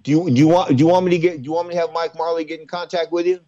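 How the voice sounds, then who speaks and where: A man's voice: fairly high pitch, racing, no echo, highs cut off. Chatty radio host in his sixties. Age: 60s. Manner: chatty, animated storyteller. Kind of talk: talk radio interview.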